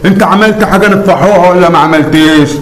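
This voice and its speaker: A man's voice: high-pitched, fast, fairly bright tone. A man voicing a drunk, bullying husband in a cartoon, with an Egyptian accent and a slurred, threatening, taunting way of talking. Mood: drunk menacing. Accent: Egyptian Arabic. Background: background music.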